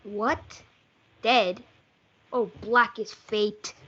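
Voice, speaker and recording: A woman's voice: on the high side, fairly even intonation, extremely slow, a bit bright, husky, heavily acted. A young woman playing Romeo, a passionate, hot-blooded young man, in a student readers theatre performance. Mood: fervent. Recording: muffled lo-fi home recording.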